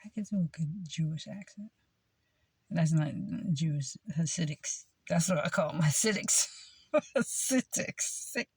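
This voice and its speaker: A woman's voice: deep voice, moderate pace, darkish tone, slightly rough, no room sound. A woman delivering a rambling religious monologue, meandering with frequent fillers and repeated words. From United States. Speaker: self-styled preacher.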